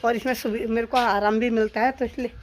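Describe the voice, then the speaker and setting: A woman's voice: on the high side, steady tone, fast talker, a little hiss or hum. A middle-aged woman narrating her daily home routine in a chatty way, talking straight to her viewers. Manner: chatty, addresses viewers directly. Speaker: vlogger. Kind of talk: casual home vlog narration.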